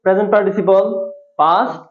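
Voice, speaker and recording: A man's voice: sits high, steady tone, quick pace. A man teaching English to a class, asking a question and then repeating it to the students. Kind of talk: classroom lesson with call and response. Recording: echoey room, tinny phone-like sound.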